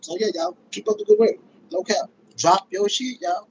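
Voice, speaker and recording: With huge pitch swings, a high darkish voice, vocal fry and a moderate pace, a middle-aged American man rants casually on his livestream. He's blunt, profane and emphatically repetitive; the phone or webcam at arm's length at home gives poor audio and slight background noise.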